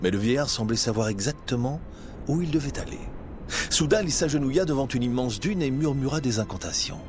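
A man reading a storybook aloud in an animated, expressive narration. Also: mid-range voice, brisk, music in the background.

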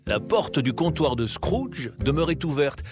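Expressive male storyteller. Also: fairly high pitch, measured pace, over music. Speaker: narrator. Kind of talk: scripted story narration.

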